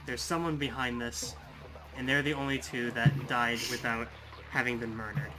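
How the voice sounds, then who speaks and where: A man's voice: mid-range voice, steady tone, moderate pace, music in the background. Casual swearing man reasoning aloud. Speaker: player. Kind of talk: casual role-play chat.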